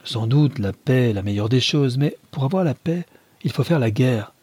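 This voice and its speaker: A man's voice: medium pitch, lively intonation, normal speed, a little mellow, breathy edge, dry recording. A man reading a novel aloud, voicing a domineering, indignant middle-aged mother who lectures with emphatic rhetorical questions. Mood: lecturing.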